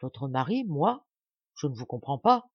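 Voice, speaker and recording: A woman's voice: extremely low pitch, very animated, a little slow, breathy edge, dry recording, muffled recording, heavily acted. A woman voicing a poisoned, dying young woman who answers in short, strained, steadfast replies. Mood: weak defiance.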